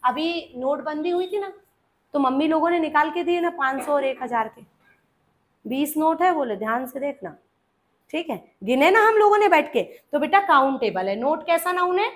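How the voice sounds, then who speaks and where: A woman's voice: sits high, animated, normal speed. A woman teaching an English grammar lesson, patiently repeating points and quizzing her students, whom she calls child.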